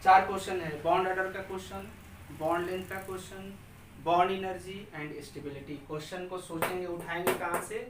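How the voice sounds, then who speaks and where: A man's voice: high-pitched, fairly even intonation, moderate pace. A male chemistry teacher lecturing a class, drilling students by asking questions and answering them himself, and repeating key terms in a chanting rhythm. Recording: echoey room, distant mic, faint hiss.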